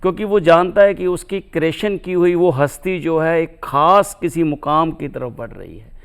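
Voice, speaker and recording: A man's voice: a little high, expressive, normal speed, creaky, clear, resonant tone. A middle-aged man, a cartoonist guest, talking in a reflective interview with lofty, philosophical phrasing and recited couplets.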